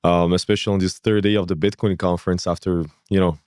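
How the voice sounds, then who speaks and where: A man's voice: low-pitched, flat delivery, fast talker, a little mellow, clean tone, dry recording, clean studio sound. A man in his thirties, born in Kazakhstan, telling his story as a podcast guest in a rambling way, full of fillers and acted-out asides. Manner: rambling, fillers, acts out his own past thoughts. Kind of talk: casual interview.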